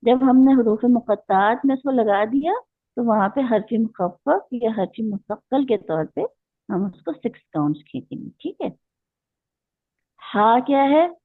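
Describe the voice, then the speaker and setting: Female recitation teacher, unhurried and methodical, quizzes the class; thin phone-quality audio, no room sound. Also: on the high side, lively intonation, dry recording. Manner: patient, explaining step by step with questions to students. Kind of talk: online class lecture. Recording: tinny phone-like line.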